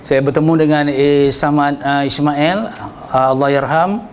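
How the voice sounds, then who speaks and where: A man's voice: a little high, fairly even intonation, measured pace, slight background noise, low-quality recording. A man with a Malaysian Malay accent giving a workshop lecture as a religious teacher, conversational, acting out examples and often checking in with "ya". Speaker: religious teacher leading a sermon-writing workshop.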